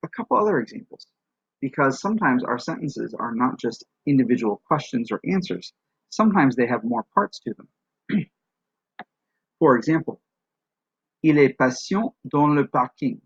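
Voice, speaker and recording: A husky-voiced man gives a recorded French lesson, carefully sounding out example words. The sound is dry and a little dull, like a modest lo-fi recording. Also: mid-range voice, very animated, no echo. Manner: explanatory, demonstrates words slowly with rising and falling tone. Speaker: French teacher.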